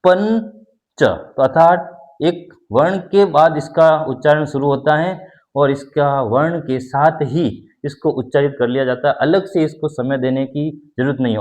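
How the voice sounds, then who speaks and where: A man's voice: mid-range voice, a little mellow. A man teaching a grammar lesson, explaining step by step and repeating key points while he demonstrates sounds.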